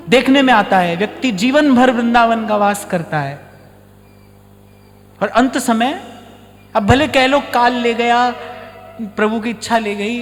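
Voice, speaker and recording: Male spiritual teacher, high voice, storytelling sermon in a reverberant hall with soft music. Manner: storytelling, acts out short dialogues. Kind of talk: devotional discourse. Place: ashram hall.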